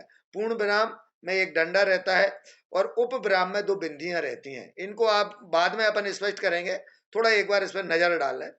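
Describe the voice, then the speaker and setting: A male teacher giving a screen-based grammar lesson, explaining patiently and repeating examples slowly. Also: high voice, a bit bright, dull audio.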